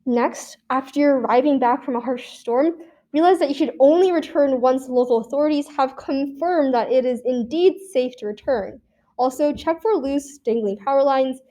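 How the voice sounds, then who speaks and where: Mellow, high-voiced teen girl presenting. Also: moderate pace. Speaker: student presenter. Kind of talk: reading a scripted class presentation.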